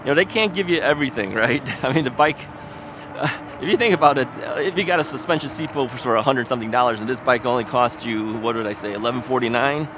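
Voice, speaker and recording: An American ebike host chats fast into a bike-mounted camera while riding a city street, his medium-pitched talk rambling and folksy with many fillers and little chuckles. It's a casual vlog recorded outdoors, and cars and street noise are clearly audible behind him.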